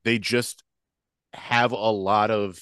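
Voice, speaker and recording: Man, podcast co-host, lowish voice, dry close sound, casual and opinionated. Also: flat delivery, takes it slowly, a bit bright, smooth, dry recording. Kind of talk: casual film review chat.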